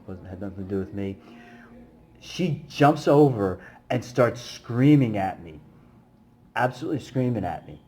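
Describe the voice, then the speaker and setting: Low-voiced man telling rambling stories. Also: slight background noise. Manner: rambling, many fillers, animated when retelling. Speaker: vlogger, busking musician. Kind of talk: casual storytelling to camera.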